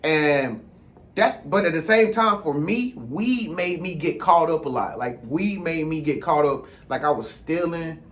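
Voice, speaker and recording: A man's voice: fairly high pitch, animated, a little slow, fairly bright tone. An American man talking casually in a rambling solo vlog, using street slang and repeatedly checking that listeners follow him. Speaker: vlog host giving informal advice.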